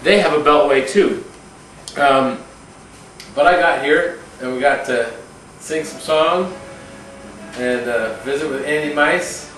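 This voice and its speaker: A man's voice: on the high side, slow pace, long pauses, a bit bright. A man co-hosts a cooking show in casual, laid-back chat. He banters like he is with an old buddy. The sound is roomy and noisy, with the microphone some way off. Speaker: co-host of a home cooking show. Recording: roomy, distant mic with background noise.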